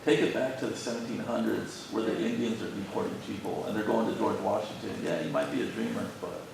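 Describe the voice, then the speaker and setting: A man with a lowish voice talks fast, sharing opinions conversationally in an informal group discussion. The recording comes from a distant mic in a large, echoey arts-center room, with clear background noise.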